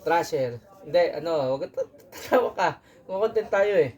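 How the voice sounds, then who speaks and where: A woman's voice: fairly low pitch, animated, brisk, a little mellow. A woman with a Filipino accent, chatting playfully to her viewers while sorting secondhand shirts. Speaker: thrift clothing seller. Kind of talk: casual unboxing chat.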